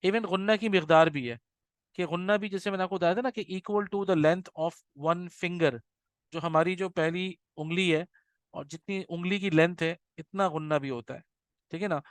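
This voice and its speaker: A man teaches a recitation class in a high, clear, resonant voice with no echo. He explains patiently, checking often that his students are following along, and demonstrates a slow, nasal style of recitation.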